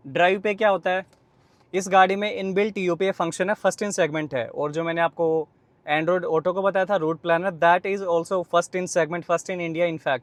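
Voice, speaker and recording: A man giving a chatty car review from inside the car, explaining features quickly to viewers. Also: on the high side, no room sound. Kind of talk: casual walkaround and driving review.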